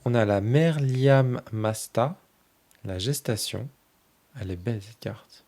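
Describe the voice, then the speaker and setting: A man hosting a tarot channel, casually flipping through a new oracle deck and fondly commenting on each card in a soft voice that often trails off. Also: lowish voice, slow pace.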